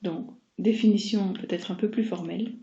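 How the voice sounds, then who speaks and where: Speaking at normal speed with a steady, mellow, medium-pitched voice, a woman teaches mathematics in a recorded lesson. She addresses students directly and breaks things down step by step; the audio is dull, muffled, and echoey.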